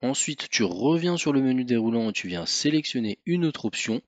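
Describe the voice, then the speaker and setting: A man narrating a step-by-step car tutorial, calm and methodical, speaking informally to the viewer. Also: mid-range voice, normal speed, dry recording. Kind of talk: step-by-step instructional voice-over.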